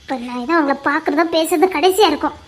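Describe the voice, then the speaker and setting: A woman's voice: sits high, fast talker, natural voice. A woman acting an anxious young woman who hides her lover and talks in pleading, exasperated whispers. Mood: stern whisper. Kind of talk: audio drama acting.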